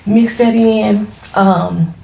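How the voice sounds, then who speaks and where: Woman in her forties, self-made business owner, home vlog, frank and chatty, creaky voice in an echoey room. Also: medium pitch, fairly even intonation, very slow, dark tone. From Florida. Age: 40s. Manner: chatty, laughing, frank, slangy. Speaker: small business owner vlogging. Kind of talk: casual chat to camera. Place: her home, products on shelves behind.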